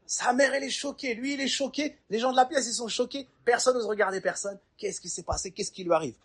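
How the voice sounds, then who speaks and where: A middle-aged man preaching a lively sermon, acting out little scenes and asking the crowd questions. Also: extremely high pitch, fast, husky.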